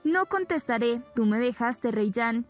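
A woman reading the lines of a heartbroken young man in a plain, flat way. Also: on the high side, measured pace, soft background music. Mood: bitter.

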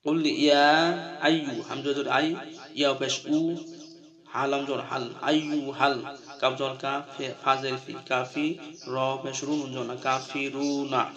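A man teaching scripture reading, spelling out each syllable slowly and then chanting the verses in a high, drawn-out melody. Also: flat delivery, lo-fi sound, a crowd in the background. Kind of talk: spelling-out recitation lesson.

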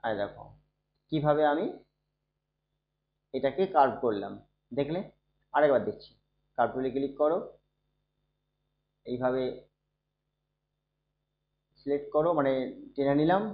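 A man who is unwell, teaching a computer lesson slowly and softly, often asking his students if they follow. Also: medium pitch. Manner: slow, soft-spoken, checks in often with students. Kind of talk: screen-recorded computer lesson. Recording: dull, echoey room recording.

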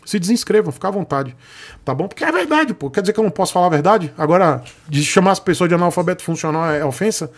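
A man's voice: sits high, animated, quick pace. A middle-aged man with a Brazilian accent, a vlogger explaining things bluntly and sarcastically. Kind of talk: ranting explanation.

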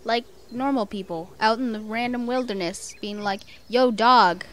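A woman's voice: fairly high pitch, moderate pace. A woman giving let's-play commentary at home on a cheap microphone, rambling and talking to herself, repeating her questions over and over. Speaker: gamer playing on video. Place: home room.

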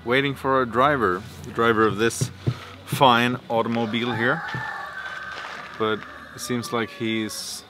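A man's voice: medium pitch, fairly even intonation, unhurried, bright, forceful tone. A young man, a freelance reporter, chatting casually and easily to camera in a travel vlog. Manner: easygoing, chatty on the phone with short okays. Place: outdoors on a village street and in a hotel room. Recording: echoey with background noise.

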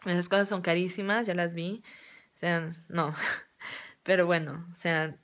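Young mexican woman vlogging, talks casual with lots of fillers, kinda low voice. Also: fairly even intonation, measured pace, fairly bright tone. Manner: chatty, many fillers like "o sea". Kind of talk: casual storytelling.

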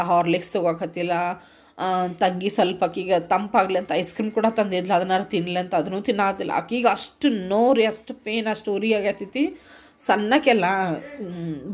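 A middle-aged vlogger with a North Karnataka Kannada accent, who also sells home food, tells her viewers directly about what happened. Her medium-pitched delivery is earnest and heartfelt, in the style of casual vlog narration.

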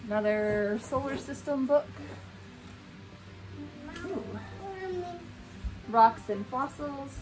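A woman in her thirties hosts a family homeschooling vlog, chatting informally and showing items to camera in a home room with a bookshelf. Her high-pitched voice is extremely slow with frequent pauses, and the low-quality recording has music in the background.

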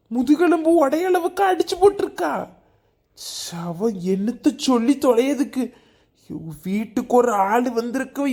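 A woman's voice: high-pitched, a little mellow. A woman voicing an exasperated, scolding middle-aged husband and father, in a cartoon.

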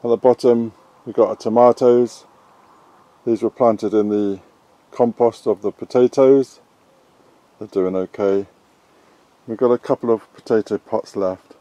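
A middle-aged man with a British accent strolls through his polytunnel and chats about what is growing there. He talks slowly and stays relaxed, in a mellow, darker tone. The camera he films with as he walks picks up his voice. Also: on the low side, no echo, muffled recording. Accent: British English. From England. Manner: relaxed, chatty, unhurried. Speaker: allotment gardening vlogger. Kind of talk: casual garden tour narration. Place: inside a polytunnel on an allotment. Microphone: handheld camera filming as he walks.

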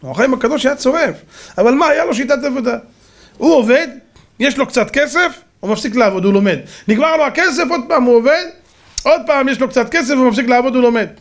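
A rabbi giving a lively sermon, telling stories and acting out the characters with shouts. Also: male voice, extremely high pitch. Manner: animated, acts out voices and shouts in stories. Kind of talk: sermon with dramatic storytelling.

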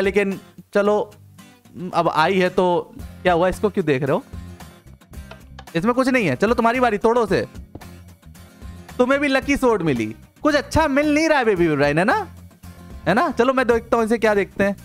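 A young man giving playful gameplay commentary, coaxing and teasing a game companion with quick repeated interjections. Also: high voice. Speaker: gaming video host.

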